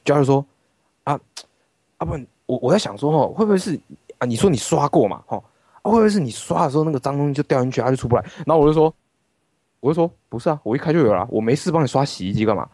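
A man hosting a livestream, telling stories in an animated way and swearing freely. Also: medium pitch, very fast, no room sound, studio quality. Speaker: livestream host. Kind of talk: casual storytelling chat. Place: his rented room at home.

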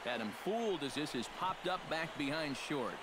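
A man playing a steady, polished play-by-play baseball announcer in a sports video game. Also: fairly high pitch, heavy background noise, natural voice. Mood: steady, engaged. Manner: polished, measured broadcast delivery. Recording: loud stadium ambience behind the voice.

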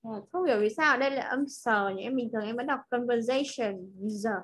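A woman from Vietnam with a Vietnamese accent, teaching English pronunciation over a video call, modelling words slowly and clearly before explaining them. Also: on the high side, fairly bright tone. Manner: slow drilled modelling of words, then quick explanations. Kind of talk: online class teaching.

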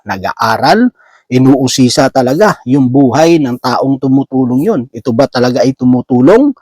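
A man preaching a Bible teaching sermon in a conversational way. He often checks in with his listeners with a quick question and mixes English words into his talk. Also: medium pitch, a little mellow, no echo.

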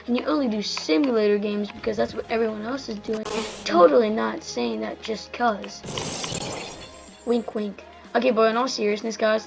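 An eleven-year-old, almost twelve, hosts a gaming video, giving casual, rambling commentary in a slightly strained, slangy voice. It is medium-pitched with vocal fry, and the low-quality recording has background music.

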